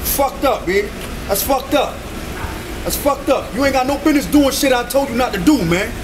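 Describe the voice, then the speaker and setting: A man plays a profane street crew boss with a high, swinging voice. He scolds and repeats himself. The recording sits at a distance with clear street noise behind. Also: animated, normal speed. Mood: furious. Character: hot-tempered male street crew boss. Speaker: actor. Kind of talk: low-budget street drama acting.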